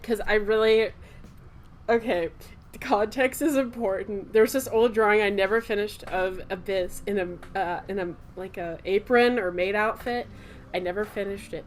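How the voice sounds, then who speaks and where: A woman's voice: mid-range voice, a little hiss or hum. A young woman and artist chatting casually about her old drawings, rambling and giggling with lots of fillers and self-corrections. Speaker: artist and channel host. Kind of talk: casual chat reviewing old artwork. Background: faint background music.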